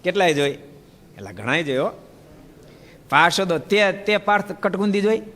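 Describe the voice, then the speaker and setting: A man's voice: sits high, measured pace, big-room sound. A man with a Gujarati accent giving a sermon, telling stories and acting out the dialogue. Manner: animated storytelling, acting out dialogue. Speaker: preacher. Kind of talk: sermon with storytelling.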